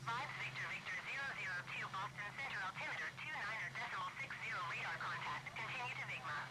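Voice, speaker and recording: A woman air traffic controller heard over a cockpit radio, giving rapid, clipped, formal instructions in aviation phraseology. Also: mid-range voice, rough recording. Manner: rapid, even, formal readback.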